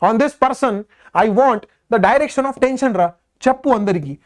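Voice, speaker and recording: Fast-talking physics teacher with a Telugu accent. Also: high-pitched, expressive. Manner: repeats phrases insistently, prods listeners with questions. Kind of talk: lively classroom teaching with questions to students.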